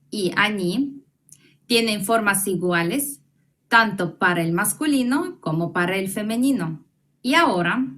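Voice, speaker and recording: A woman teaching an online language class, slow and patient, repeating each word for her students to echo. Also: medium pitch, a bit bright.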